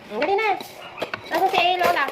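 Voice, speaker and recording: A woman's voice: very high voice, expressive, a little fast. A woman speaking as a mother, chatting casually in a home cooking vlog. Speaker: mother cooking with her child. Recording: roomy echo, loud household noise.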